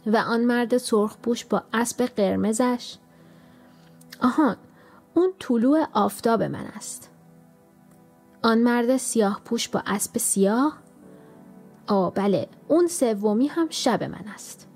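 A woman's voice: on the high side, lively intonation, pauses often, a little mellow, faint music behind. A woman voicing a sneering, commanding old witch in a storybook, with a nasal, sarcastic manner. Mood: pleased. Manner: sarcastic, bossy.

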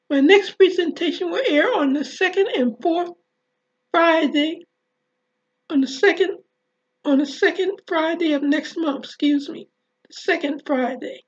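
A woman author reads her childhood memoir aloud and then closes with a presentation. She talks slowly and deliberately in a very high voice, spelling out details letter by letter. The recording is dull and lo-fi. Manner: slow, deliberate, spells words out. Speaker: author and speaker.

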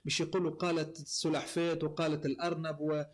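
A man's voice: a little high, little pitch movement, fast talker, slight background noise. A man with a Tunisian accent, a voice-over artist speaking as an interview guest, explaining his craft point by point with many fillers. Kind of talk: casual interview talk.

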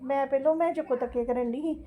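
A middle-aged Punjabi woman with a high, soft-edged voice tells a story to her vlog viewers. She is fretful and exclamatory, circling back over her points and tagging phrases with little questions for agreement. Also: quick pace, a little hiss or hum. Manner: fretful and exclamatory, repeats herself, seeks agreement with tag questions. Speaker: home vlogger. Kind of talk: casual chatty storytelling to viewers.

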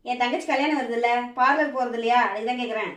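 A woman's voice: a little high, very fast, fairly bright tone, reverberant, a little hiss or hum. A woman playing a wife in comic skits, asking her husband for money. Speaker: comedy sketch performer.

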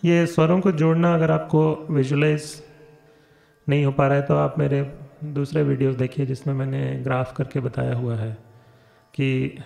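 A man teaching Indian classical singing, explaining quickly and then singing the note names and song lines slowly. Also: medium pitch, creaky, darkish tone, reverberant. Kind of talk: singing lesson, spoken explanation with sung sargam.

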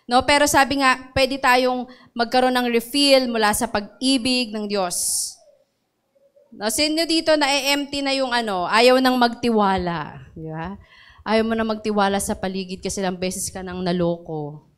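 Filipino woman pastor preaching, smooth voice. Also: on the high side, unhurried, fairly bright tone. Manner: mixes English into sermon, asks congregation for responses; emotional when reciting scripture. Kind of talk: sermon.

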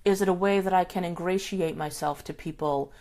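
A middle-aged woman hosting a casual live talk, chatty and relaxed, answering viewer comments with lots of fillers and restarts. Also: fairly low pitch, fairly quick. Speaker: host.

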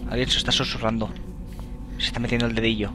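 Music plays behind a young man with a Spain Spanish accent as he talks fast in a mid-range voice during a let's play. He gets excitable, cursing and shouting at enemies throughout.

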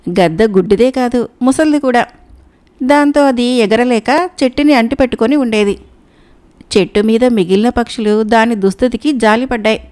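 A woman narrating a moral folk tale in a measured, expressive storytelling manner. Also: on the high side, smooth.

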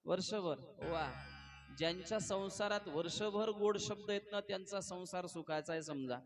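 A man's voice: high voice, normal speed. A man giving a devotional storytelling sermon, acting out the characters' lines and putting questions to the audience. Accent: Marathi. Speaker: kirtan preacher. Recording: live with accompanying instrumental music.

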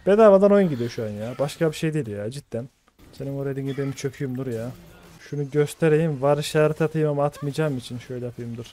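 A man with a mellow, mid-range voice provides live gaming commentary, venting his exasperation and cursing as he reads out what his teammates type in chat.

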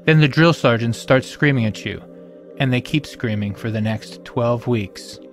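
A man hosting a podcast, reading scripted documentary narration in a measured, solemn way with emphatic rises. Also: mid-range voice, faint music behind.

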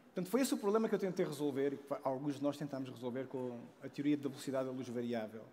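A man's voice: mid-range voice, very fast. A man in his forties with a European Portuguese accent, giving a casual public science talk on a large auditorium stage through a headset mic, full of restarts and tag questions. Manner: animated, many restarts and "não é?" tags, joking asides. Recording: long hall reverb.

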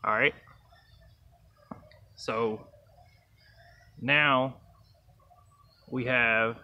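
A man's voice: medium pitch, fairly even intonation, drawn-out words, highs cut off. A young man, casually demonstrating a fishing knot outdoors, counting the steps aloud. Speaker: fishing channel host. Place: outdoors by trees and a truck. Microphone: camera close up, held near face.

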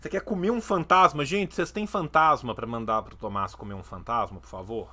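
A man's voice: medium pitch, fairly even intonation, normal speed, pushed and bright. A man in his thirties with a Brazilian accent, hosting a casual live reaction stream with emphatic, ironic asides.

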